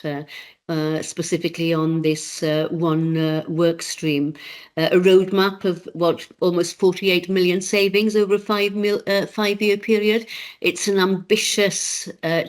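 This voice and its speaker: A woman speaking formally as a committee chair, in a measured, hesitant way. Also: fairly low pitch. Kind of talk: formal meeting remarks.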